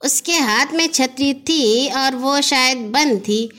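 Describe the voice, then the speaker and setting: A woman voicing a calm, kindly uncle in a children's audio story. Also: high-pitched, voice pushed up.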